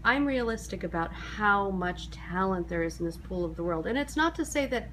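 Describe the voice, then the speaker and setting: A woman talking casually and reflectively in a measured way, like a granddaughter in a family conversation. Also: mid-range voice, expressive, fairly bright tone, slight background noise, low-quality recording.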